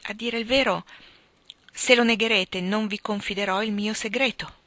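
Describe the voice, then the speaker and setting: A woman voicing a pushy, lovesick young gentleman. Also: mid-range voice, fairly even intonation, moderate pace, no room sound, natural voice. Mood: insistent. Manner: pleading, passionate and pushy. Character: ardent, insistent young gentleman suitor.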